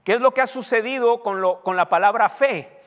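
High-voiced male pastor in an echoing hall. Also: fairly quick, fairly bright tone. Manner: teaching with call-and-response questions to the congregation. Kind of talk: sermon. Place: church hall. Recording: long hall reverb.

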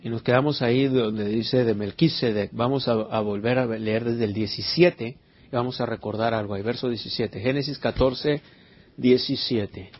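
Male pastor, raspy mid-pitched voice, conversational sermon, muffled low-fidelity recording. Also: steady tone, normal speed. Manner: earnest, repeats words, asks the congregation questions. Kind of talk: conversational sermon with Bible study. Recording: dull lo-fi recording.

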